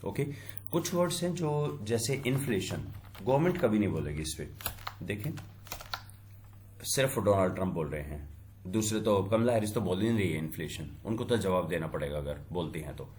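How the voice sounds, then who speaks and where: A man's voice: sits low, expressive, fairly quick, a little mellow, a little hiss or hum. A middle-aged man teaching a coding tutorial, talking through each step and mixing in English terms as he works. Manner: thinks aloud while working, with small fillers. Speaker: instructor. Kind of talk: screen-recorded coding tutorial.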